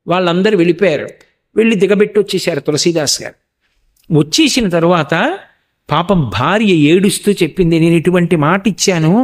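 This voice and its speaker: A man with a notably high-pitched voice gives a devotional discourse. He chants Sanskrit verses slowly, then explains them in earnest, direct exhortation, weaving a story through his teaching. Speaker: spiritual speaker.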